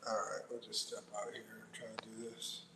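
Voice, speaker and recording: A middle-aged American man hosts a livestream, casually reading viewer comments aloud and chatting back loosely, calling people "bro." His lowish voice is completely flat and fairly quick, and the audio is very noisy.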